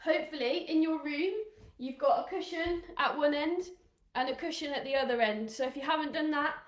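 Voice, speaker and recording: A woman's voice: sits high, fairly quick, echoey room. A woman from England coaching young children through a live online rugby skills session, upbeat and encouraging, counting down drills and sometimes out of breath. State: out of breath at times.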